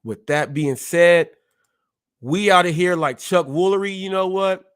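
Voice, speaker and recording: A man in his forties hosts his own live show, boasting and calling out his critics head-on. He stutters now and then, and his voice sits high while he takes his time with the words. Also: a little slow, a bit bright, clean tone. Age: 40s. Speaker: host. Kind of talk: ranting live-stream commentary.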